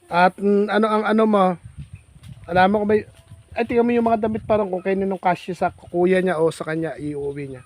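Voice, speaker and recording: A man's voice: high voice, fairly even intonation, a little fast, a little mellow. A man vlogging outdoors in farm fields, chatting with a child in a playful, teasing, coaxing way. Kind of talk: casual teasing chat with a child.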